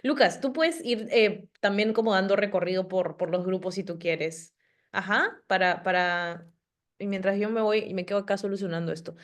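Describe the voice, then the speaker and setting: A woman coordinating a virtual class over a video call, sorting students into groups in a brisk, practical way. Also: mid-range voice.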